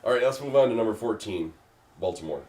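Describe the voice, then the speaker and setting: Deep-voiced man hosting in an echoey room. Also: animated, darkish tone. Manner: halting, many fillers and restarts. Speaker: host. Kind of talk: casual draft pick discussion.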